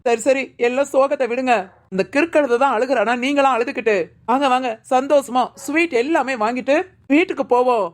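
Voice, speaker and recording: A woman's voice: sits high, brisk, natural voice. A woman playing a teasing older aunt who scolds and explains in a village family drama.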